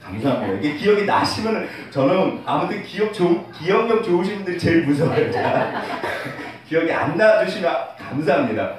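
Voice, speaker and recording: A man's voice: on the high side, very animated, fairly quick, few pauses. A man preaching a sermon as pastor, candid and heartfelt, with light self-teasing humor toward his congregation. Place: church sanctuary. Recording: very echoey church hall, voice picked up from far off, faint hiss.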